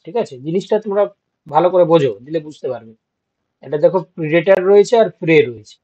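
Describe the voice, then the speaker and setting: A man's voice: on the high side, fast talker, warm tone. A man teaching an exam-prep lecture, explaining step by step and asking his students checking questions. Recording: dull lo-fi.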